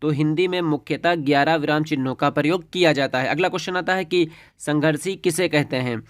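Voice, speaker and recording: Male teacher, exam-prep lesson, slightly high pitch, dry close sound, methodical explanations. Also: a little fast, no echo. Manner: explains step by step, often says "ठीक है".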